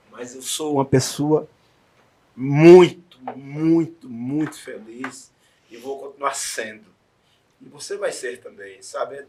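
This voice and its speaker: A man as an interview guest, telling an emotional personal story in a heartfelt way, sometimes hushed, sometimes loud and encouraging. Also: medium pitch, husky.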